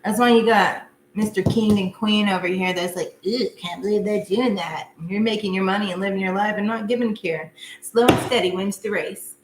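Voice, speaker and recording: A woman's voice: mid-range voice, steady tone, brisk. Chatty woman reading tarot live. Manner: chatty, casual, laughs often and talks to viewers. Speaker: tarot reader. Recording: echoey room with faint noise.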